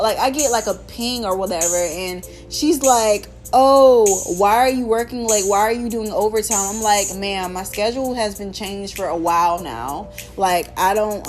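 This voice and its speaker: A young American woman hosting her own podcast, talking casually and candidly with lots of slang and swearing while telling stories. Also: mid-range voice. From United States. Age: young adult. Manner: candid, profane, animated storytelling with slang. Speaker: podcast host. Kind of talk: casual solo podcast chat.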